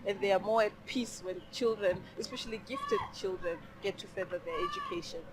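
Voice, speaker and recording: A woman speaks for a charity at an outdoor event in a thoughtful, hesitant way, with many fillers. Her pitch sits in the middle, and faint noise runs underneath. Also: wildly swooping pitch, a little fast, low-quality recording. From Zimbabwe. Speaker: charity representative.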